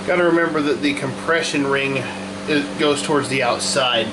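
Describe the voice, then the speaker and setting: A man's voice: mid-range voice, moderate pace. A man giving casual, folksy how-to commentary, talking himself through each step as he works in a shop. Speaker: host of a hands-on repair video. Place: hot workshop with a fan running. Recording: constant fan and hum noise behind voice. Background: running fan, steady hum.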